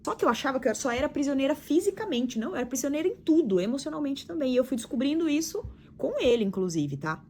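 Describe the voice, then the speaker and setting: A woman's voice: sits high, sing-song, fast talker, mellow, slight background noise. A woman with a Brazilian Portuguese accent, a vlogger telling a personal story in a candid, emphatic way as she talks straight to her viewers.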